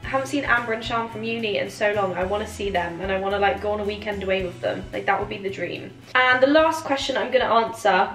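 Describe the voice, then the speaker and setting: A British woman in her twenties talks casually to her viewers with a giggly, tipsy looseness. Her mid-pitched voice sounds roomy and echoey. Music plays faintly behind her. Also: fast, hardly any pauses, fairly bright tone. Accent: British English. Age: 20s. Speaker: vlogger answering viewer questions. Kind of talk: casual chatty Q&A to camera.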